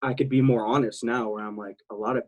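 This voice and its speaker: A man's voice: medium pitch, fairly even intonation, quick pace, a little mellow, highs cut off. A man from South Texas talking casually as a podcast guest, candid and rambling, swearing freely. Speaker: guest, military veteran.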